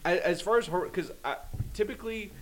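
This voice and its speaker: A man's voice: high-pitched, fast. A man co-hosting a podcast, casually giving his take on horror films, swearing and acting out reactions. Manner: swears freely, acts out reactions. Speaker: podcast co-host. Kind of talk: casual movie discussion.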